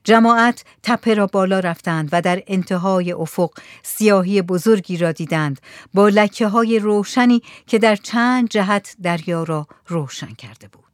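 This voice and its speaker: A woman narrating a story in a soft, hushed reading voice. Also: medium pitch, no room sound, studio quality.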